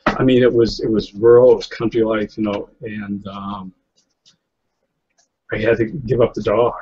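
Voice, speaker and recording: A man's voice: lowish voice, little pitch movement, moderate pace, noisy background. A man in his fifties from New England, a photographer chatting casually in an interview over a video call, rambling with lots of fillers and restarts. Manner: rambling, many fillers and restarts, chuckles often. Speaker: guest photographer. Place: indoor room, seated in office chair. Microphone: webcam on a video call. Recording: slightly lo-fi video call audio.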